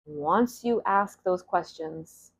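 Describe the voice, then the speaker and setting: A woman's voice: lowish voice, slow pace, breathy edge. A woman talking candidly and with emotion to her audience, laughing and swearing now and then. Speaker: self-help creator. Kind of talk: casual motivational talk to camera. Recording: slightly dull lo-fi audio.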